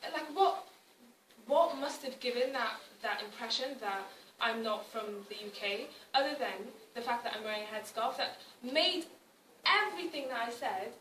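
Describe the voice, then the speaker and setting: A young woman with a British accent speaks at a public talk in a conversational, wry way, often restarting her sentences. Her voice is fairly high and bright. It sounds a little distant in an echoey hall. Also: expressive, moderate pace, slight background noise. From Wales. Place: arts centre hall.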